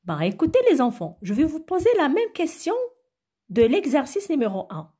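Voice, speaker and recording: A woman's voice: high-pitched, very animated, warm tone. A woman teaching a phonics lesson to young schoolchildren, patiently spelling out letters and checking in with them often. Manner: slow, patient, repeats "d'accord?" and sounds letters out. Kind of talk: recorded phonics lesson for children.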